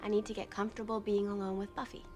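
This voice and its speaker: A woman's voice: mid-range voice, level tone, racing, mellow, natural voice. An actress playing a young female vampire slayer in a TV drama, speaking plainly and directly. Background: TV score music.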